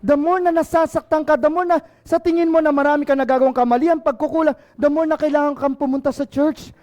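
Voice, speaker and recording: A man's voice: extremely high pitch, steady tone, fast talker, darkish tone. A male pastor from the Philippines with a Filipino accent, preaching an impassioned sermon and often asking the congregation for an amen.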